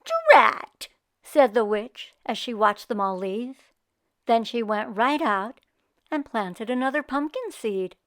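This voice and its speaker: A woman reading a picture book aloud to children, expressive and slow. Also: on the high side. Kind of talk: read-aloud storytelling.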